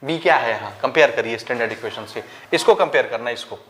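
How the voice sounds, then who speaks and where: A man's voice: mid-range voice, fast talker, a bit bright, slight background noise. A male maths teacher with a Chhattisgarh Hindi accent, explaining each step and asking the class questions that he then answers himself. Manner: mixes English maths terms into Hindi. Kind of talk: board-style maths lesson.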